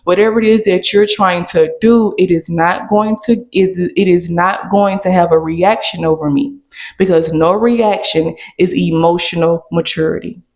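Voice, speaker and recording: Low-voiced woman podcast host preaching. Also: steady tone, moderate pace, gravelly, few pauses, a little mellow. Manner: emphatic, repetitive affirmations; calls the listener love and baby. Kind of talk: motivational monologue.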